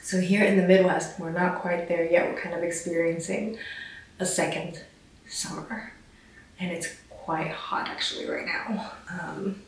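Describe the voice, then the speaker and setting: A woman's voice: on the low side, fairly even intonation, unhurried. A young woman from Taiwan hosting her knitting podcast, talking casually and enthusiastically to the camera with rambling asides. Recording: very echoey room, distant mic, faint hiss.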